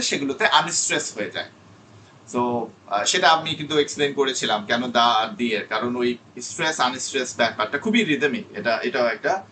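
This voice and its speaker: A man's voice: medium pitch, pushed and bright, far from the mic, slight background noise. A man teaching an online spoken English class, explaining patiently and repeating key words.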